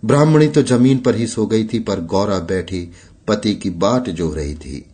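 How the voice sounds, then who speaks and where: A man's voice: lowish voice, mellow. Man narrating a classic story. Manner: measured, literary storytelling. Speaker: audiobook narrator.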